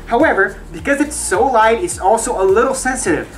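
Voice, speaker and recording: A woman's voice: fairly high pitch, animated, brisk, rough recording. Woman talking from inside a mask head. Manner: chatty and upbeat, with frequent restarts. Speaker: fursuiter reviewing her own costume. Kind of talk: casual review vlog.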